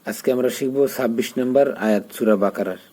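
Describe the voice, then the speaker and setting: A man's voice: mid-range voice, warm tone. A man teaching Quran recitation, patiently spelling out each letter and vowel mark and giving pronunciation pointers. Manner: patient, repeats syllables slowly, gives pronunciation pointers.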